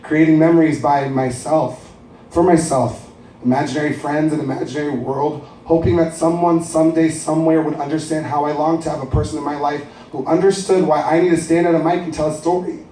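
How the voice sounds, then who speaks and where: A man's voice: on the high side, fairly even intonation, brisk, mellow, slight background noise. Wry young man telling stories in an echoey cafe. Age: 20s. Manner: wry, self-deprecating. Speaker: spoken-word performer. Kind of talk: comic spoken-word storytelling. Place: cafe open mic. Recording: echoey cafe, mic at a distance.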